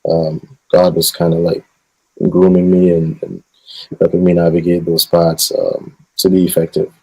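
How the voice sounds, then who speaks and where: A gospel singer in his thirties with a Guyanese accent rambles about his life in a casual interview, using lots of fillers. His low, husky voice is mellow and monotone at a moderate pace, and the recording is rough.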